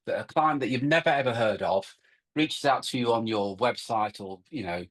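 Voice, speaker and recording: A man's voice: medium pitch, moderate pace, fairly bright tone. A middle-aged man co-hosting a recruiting workshop webinar, talking emphatically and often repeating and restarting his words. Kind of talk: webinar presentation.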